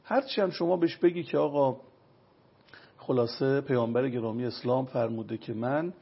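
Man, traditional medicine consultant, gravelly fry, very husky voice, dull lo-fi sound. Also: medium pitch. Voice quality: gravelly and raspy. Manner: lecturing with everyday examples. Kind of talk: explanatory interview talk. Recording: dull lo-fi recording.

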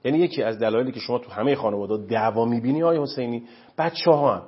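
A man's voice: mid-range voice, breathy edge. A man speaking as a counselor on a talk show, earnest and emphatic, lecturing. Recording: dull lo-fi recording.

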